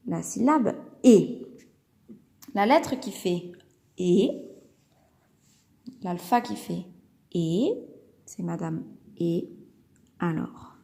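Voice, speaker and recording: A woman speaks slowly and patiently, guiding young children through a writing lesson. Her singsong delivery stretches each sound so small ears can follow. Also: fairly low pitch, creaky, mellow. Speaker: kindergarten teacher.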